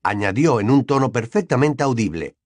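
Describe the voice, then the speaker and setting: A man narrating an audiobook with an expressive storytelling delivery. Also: mid-range voice, moderate pace, no echo. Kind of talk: scripted narration.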